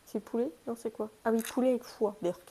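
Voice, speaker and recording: A woman's voice: fairly high pitch, steady tone, fairly quick, heavy background noise. A young woman chatting casually through a shopping haul vlog, chatty and self-mocking, talking to her pets between items. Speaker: haul vlogger.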